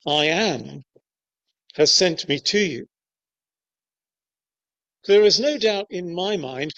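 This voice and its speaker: Male preacher, slow and measured, slightly high voice, muffled lo-fi sound. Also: fairly bright tone. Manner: measured, deliberate delivery with pauses. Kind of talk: sermon. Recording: dull lo-fi recording.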